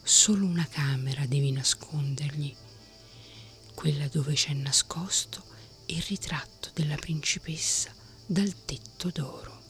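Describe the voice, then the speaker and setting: A woman voicing a gentle, worried dying old king in a whispered role-play. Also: low-pitched, faint music behind. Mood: anxious. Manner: soft, slow whispering.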